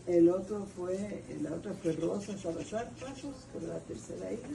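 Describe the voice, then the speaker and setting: A woman's voice: on the low side, moderate pace, vocal fry. An older woman with a Guatemalan accent from Guatemala, telling family history in an oral history interview, rambling and searching for names. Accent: Guatemalan Spanish. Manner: rambling storyteller, restarts and hunts for names. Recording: distant mic, noisy with birds cooing.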